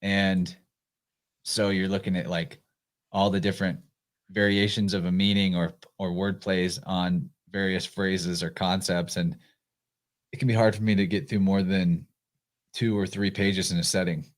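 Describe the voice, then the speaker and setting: A fairly low-voiced man hosts a live podcast, talking in an easy, casual, relaxed way and a little slowly. Between thoughts, he reads listener comments aloud.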